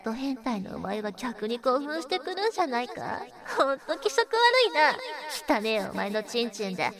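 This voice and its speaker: A woman playing a cruel, scornful dominatrix. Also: on the high side. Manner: coarse, rough-spoken, mocking and contemptuous. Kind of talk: erotic verbal-abuse audio role-play.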